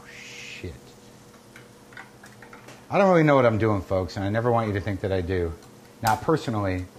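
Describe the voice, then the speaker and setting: A man's voice: lowish voice, a little hiss or hum. A middle-aged American man hosting a casual comedy cooking show, chatting through steps and anecdotes in a wry, blunt, profane, conversational way.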